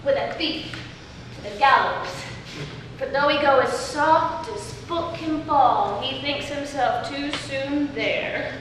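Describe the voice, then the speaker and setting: A woman's voice: sits high, slow pace, fairly bright tone. A woman on stage playing a witty, teasing young heroine disguised as a youth, declaiming playfully in Shakespearean style. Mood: quick-witted, playful. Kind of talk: live Shakespeare stage acting. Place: stage performance, recorded from afar. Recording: distant, echoey stage recording with faint noise.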